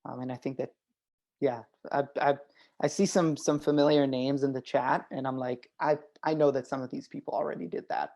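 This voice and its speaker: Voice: medium pitch, steady tone, a little fast, mellow. A guest speaking in a casual webinar discussion over a video call, hesitant with many ums and uhs.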